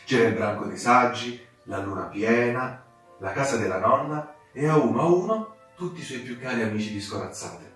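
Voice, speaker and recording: A man narrating a fairy tale for children with expressive, dramatic delivery. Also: medium pitch, normal speed. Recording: very echoey room, distant mic, soft music.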